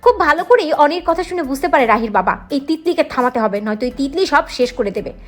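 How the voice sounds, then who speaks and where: A woman narrating a quick recap of a television serial episode. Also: sits high, faint music behind. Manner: brisk, lively retelling.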